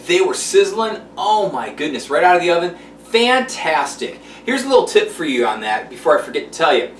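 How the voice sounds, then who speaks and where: Folksy male chef host, lively up-and-down delivery, kitchen echo. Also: a little high, brisk, slight background noise. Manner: folksy, chatty, enthusiastic. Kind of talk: cooking demonstration. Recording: echoey room, mic at a distance.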